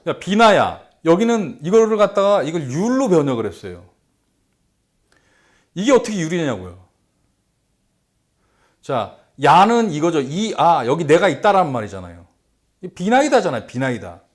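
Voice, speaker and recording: A middle-aged man lectures in a fairly high voice. His intonation rises and falls a great deal. He keeps repeating key words and asks rhetorical questions as he explains.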